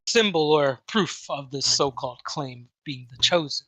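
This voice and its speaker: A man voicing a gruff, suspicious city guard who challenges travellers in a tabletop role-play game. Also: on the high side, animated, normal speed, a bit bright, no echo. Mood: sceptical. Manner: challenging, sceptical.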